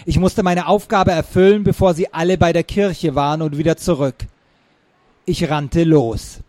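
A man reading a children's adventure novel aloud, lively and giving the characters loud outbursts. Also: a little high, moderate pace, no room sound. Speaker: reader.

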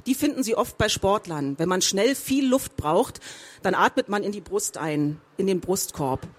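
A woman's voice: mid-range voice, animated, normal speed. A woman speaking as a professional voice-over artist, teaching how to read texts aloud and demonstrating emphasis with example sentences.

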